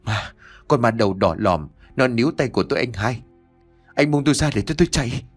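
A man's voice: mid-range voice, lively intonation, fairly quick, soft background music, natural voice. A man doing a screaming young man fleeing. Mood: pleading. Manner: breathless frantic screaming.

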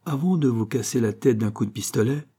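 A man's voice: medium pitch, a little fast, mellow, breathy edge, lightly acted. A man reading an audiobook, voicing a proud cavalry colonel who challenges his opponent boldly but courteously. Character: proud Russian cavalry colonel, a gallant duelist.

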